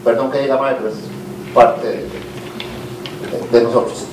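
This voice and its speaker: A man's voice: mid-range voice, level tone, unhurried. A middle-aged man with a Costa Rican accent, a business leader giving a candid, conversational conference talk with frequent "eh" fillers. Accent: Costa Rican Spanish. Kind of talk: conversational speech to an audience. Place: conference hall with a live audience. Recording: echoey hall, distant mic, faint noise.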